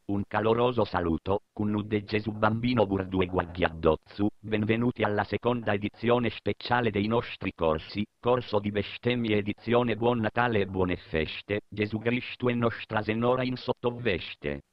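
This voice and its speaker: A man's voice: fairly low pitch, moderate pace, few pauses, no echo. A man with a Sardinian accent narrating a scripted comedy course as a mock instructor, peppered with profane cursing. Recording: dull, lo-fi dry recording.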